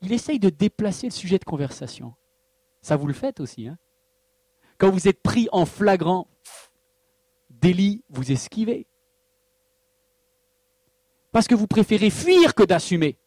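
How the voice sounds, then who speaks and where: A man preaching as a pastor, his voice sitting a little high and leaping up and down as he drives home each point. He fires rhetorical questions and tells personal stories with sudden bursts of emphasis. The sound is dry and close. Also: measured pace, long pauses, no echo. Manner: animated preaching with personal anecdotes, rhetorical questions and acted quotes. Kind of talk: sermon.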